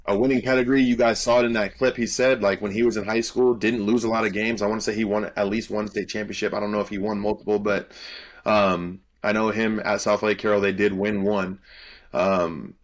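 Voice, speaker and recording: A young man co-hosts a sports podcast as a college football analyst, breaking down players in loose, confident, casual chat packed with "um" fillers. His voice is on the low side with little pitch movement, and he talks fairly quickly.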